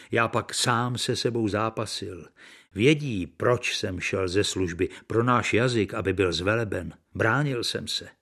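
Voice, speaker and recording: A man reading the part of a bitter, worn-out actor, brooding and earnest, in an audiobook. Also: lowish voice. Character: bitter, worn-out middle-aged male stage actor.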